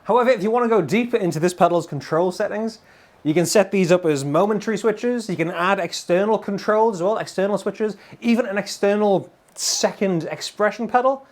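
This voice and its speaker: A guitar gear reviewer in his thirties with a British accent gives a chatty, enthusiastic, informal demonstration from a small home studio packed with guitars and amps. His voice is high-pitched and fairly quick, with electric guitar playing in the background.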